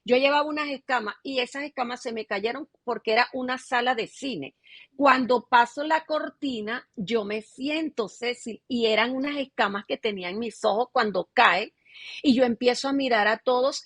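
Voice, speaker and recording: A woman's voice: a little high, moderate pace, breathy edge, dry recording. A middle-aged woman pastor, telling her testimony in an interview and acting out the dialogue she quotes.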